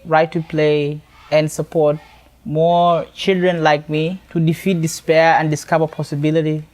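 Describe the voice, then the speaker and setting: Young South Sudanese man, slightly high voice, deliberate testimony. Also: little pitch movement, a little mellow. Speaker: speaker sharing a personal story. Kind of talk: earnest personal testimony.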